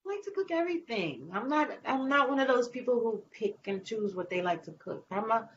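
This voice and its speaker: Speaking fairly quickly in a light, fairly high voice, this woman singer is a lively interview guest who laughs, acts out quotes and plays out small scenes. The casual chat has a lo-fi sound with a bit of faint noise.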